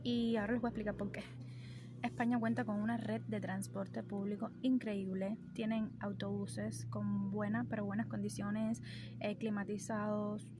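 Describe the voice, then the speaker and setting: Holding her phone at arm's length, a young Cuban vlogger chats eagerly to camera in Cuban-accented Spanish, outdoors beside trees on a street. Her mid-range voice barely moves in pitch and keeps a moderate pace. Music plays in the background along with street noise.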